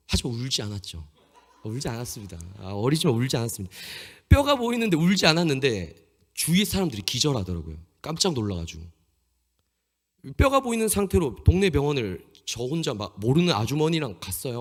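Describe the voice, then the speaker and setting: Man, 30s, youth preacher, husky, lively pitch swings, self-mocking humor, long church-hall reverb. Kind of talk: sermon with a personal story. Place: church sanctuary.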